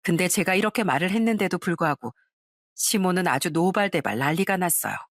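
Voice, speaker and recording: A woman narrating a first-person story in a calm, firm and polite manner, recorded close to the mic. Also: on the low side, fairly quick, no echo.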